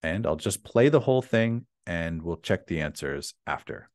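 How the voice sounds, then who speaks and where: Chatty male English teacher, lively voice. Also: low voice, normal speed. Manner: chatty and encouraging, models sentences aloud. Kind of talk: online class lecture.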